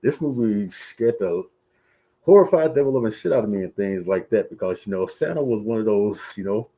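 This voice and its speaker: In a poor-quality recording, a man with a lowish, warm voice and lively intonation talks a little fast while streaming a casual movie review. His face mask muffles him, and his rambling is thick with fillers such as "you know" and "right here."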